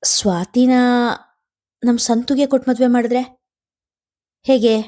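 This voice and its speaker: Kindly older brother in a storybook, calm and measured, warm mellow tone, put on by a woman narrator. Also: on the high side. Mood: persuasive. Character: gentle older man, caring elder brother.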